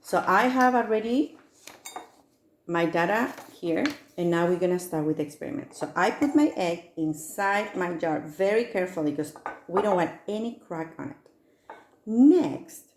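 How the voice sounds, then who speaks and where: A woman's voice: on the low side, a little slow, a little mellow, slight background noise. A woman with an upbeat, sing-song children's presenter manner, guiding young kids step by step through a science demonstration. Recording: echoey room.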